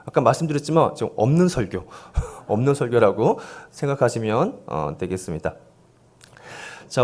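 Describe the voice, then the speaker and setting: In a church sanctuary, a pastor in his forties holds a handheld mic at the pulpit, his mid-range voice carrying a darkish tone. His volunteer seminar plays out as a lighthearted sermon with games for the audience, full of jokes, gentle coaxing of the congregation, and self-deprecating remarks.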